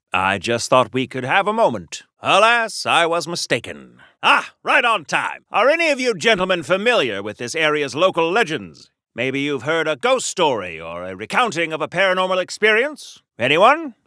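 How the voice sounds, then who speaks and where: A man's voice: on the high side, pushed and bright, no room sound. An actor playing a chipper old-timey male comic-book hero in a video game, speaking in a grandiloquent, flowery way with theatrical gee-whiz exclamations, recorded close on a studio mic. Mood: wistful.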